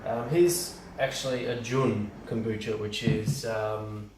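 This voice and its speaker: A man's voice: on the low side, fairly even intonation, takes it slowly, a little mellow. Home brewer man, unscripted how-to, filler-heavy delivery, recorded on a distant camera with noticeable background hiss. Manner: rambling, lots of ums and restarts. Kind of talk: casual how-to video. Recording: roomy and distant camera mic.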